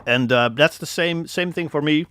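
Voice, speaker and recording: Hosting a relaxed live coaching call, this young man from the Netherlands speaks with a Dutch accent in a fairly high, slightly bright voice at normal speed. He hammers his points with emphatic repetition and addresses listeners as "man," and the studio-quality recording carries no room sound.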